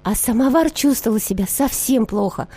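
A woman reading a fairy tale aloud as a storyteller, calm and expressive. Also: fairly high pitch, moderate pace, husky.

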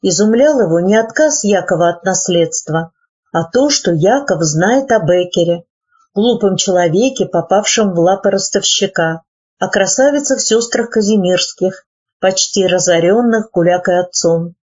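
A woman narrating a literary audiobook in a measured, even manner, in a dull lo-fi recording. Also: mid-range voice, slightly rough.

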